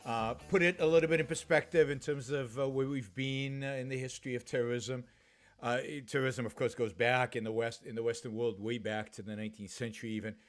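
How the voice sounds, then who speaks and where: With faint music behind him, a medium-pitched man in his fifties from Israel speaks fairly quickly in a steady tone. He hosts a solo talk-radio show from a home office, using a studio mic with a pop filter and headphones, and talks earnestly with lots of restarts and fillers.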